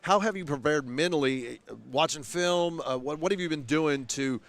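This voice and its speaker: A man's voice: fairly high pitch, moderate pace, a bit bright. A man working as a fight night interviewer, talking in a wordy, hesitant way full of uhs before a bout. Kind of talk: pre-fight sports interview.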